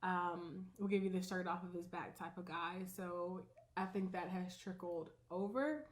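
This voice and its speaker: A woman co-hosting a home vlog, chatting in an animated, talkative way and laughing easily. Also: fairly low pitch, a little slow. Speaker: vlog co-host. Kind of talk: casual chat.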